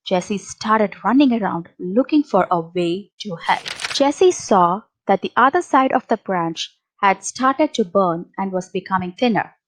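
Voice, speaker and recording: A woman reading a children's picture book aloud, with slow, expressive storytelling. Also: mid-range voice, slight background noise, poor audio.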